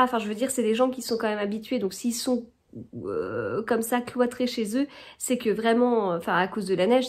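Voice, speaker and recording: Woman, book vlogger, casual chat, fairly high voice, halting with fillers. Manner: hesitant, many fillers and restarts, reads aloud.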